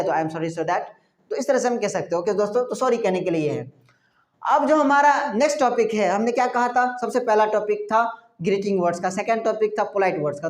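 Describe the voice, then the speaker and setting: A woman's voice: mid-range voice, darkish tone, reverberant. A woman with an Indian accent, a native Hindi speaker, teaching a beginners' English lesson. She repeats words again and again and asks her listeners rhetorical questions.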